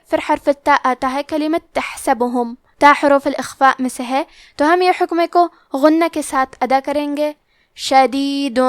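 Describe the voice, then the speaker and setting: A high-pitched woman with a Pakistani Urdu accent gives a tajweed lesson. She explains each rule in a calm, measured way, then draws the recited words out slowly. The recording is dry and close, with no room sound. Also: dry recording. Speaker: Quran recitation teacher.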